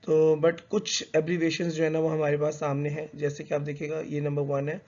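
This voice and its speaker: A man's voice: a little high, completely flat delivery, a little mellow. A male teacher explaining a lesson in a conversational, hesitant way, with fillers and self-corrections. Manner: reads English slowly, then explains in conversational Hindi mixed with English. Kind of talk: explanatory lecture. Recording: dull lo-fi recording.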